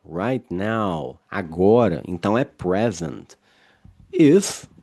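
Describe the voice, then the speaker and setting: A man teaching an English grammar lesson, explaining patiently, reading example sentences slowly and often checking in with his students. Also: mid-range voice, mellow.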